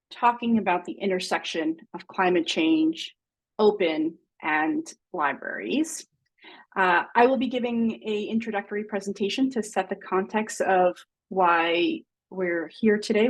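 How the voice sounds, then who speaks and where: Woman from Mexico, webinar host on a video call; hits stressed words high, trails off quietly. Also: rough recording. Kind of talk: hosting an online webinar.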